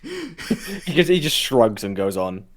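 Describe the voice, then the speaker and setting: A man's voice: medium pitch, huge pitch swings, slow pace. A man running a tabletop game as game master, narrating casually with frequent laughs and fillers.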